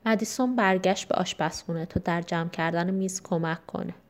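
A woman narrating a children's story aloud in a gentle, even way. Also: fairly low pitch.

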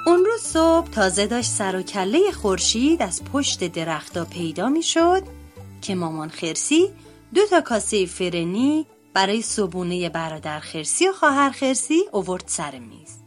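A woman reading a children's storybook aloud as narrator, in an expressive, lively way. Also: medium pitch, faint music behind. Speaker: translator and storybook reader.

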